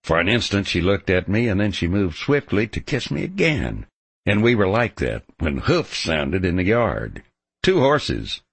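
A man narrating a scripted western story in the first person, with a gravelly, husky voice and a measured, dramatic delivery. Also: low-pitched, sing-song, dry recording. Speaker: audiobook narrator.

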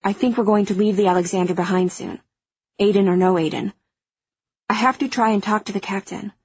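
An actress playing a fierce, protective young hacker aboard a spaceship in an audio drama, speaking with urgent, firm reassurance. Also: female voice, medium pitch, steady tone, fairly quick, slightly rough, dry recording, dull audio.

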